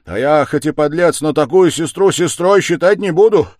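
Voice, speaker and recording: A man's voice: fairly low pitch, very animated, moderate pace, darkish tone, no echo, clean studio sound, voice pushed up. A man voicing a feverish, irritable young man who speaks curtly and strained.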